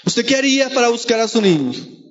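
A man's voice: very high voice, animated, fairly quick, highs cut off. A man preaching a sermon, earnestly calling his listeners brothers. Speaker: pastor.

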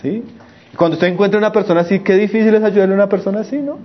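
A man preaching a sermon, emphatic, dropping his voice low for stress and slowing down to read scripture. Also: steady tone. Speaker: pastor. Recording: muffled lo-fi recording.

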